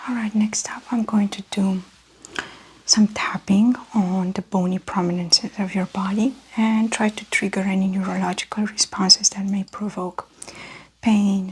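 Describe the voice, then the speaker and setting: A woman in a whispered role-play, speaking softly and gently as a calm doctor giving a physical exam. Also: mid-range voice, moderate pace, breathy edge, poor audio. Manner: soft, gentle ASMR delivery. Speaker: ASMR performer playing a doctor.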